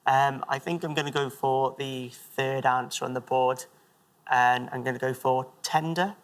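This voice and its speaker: A woman's voice: very deep voice, fairly even intonation, measured pace. A woman, chatting as a game show contestant. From Caerphilly, Wales. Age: 20s. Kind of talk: casual chat.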